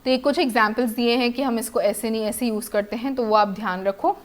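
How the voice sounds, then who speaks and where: A woman teacher giving an exam-prep lecture, mixing Hindi explanation with English terms and slowing down to repeat rules and examples. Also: on the high side.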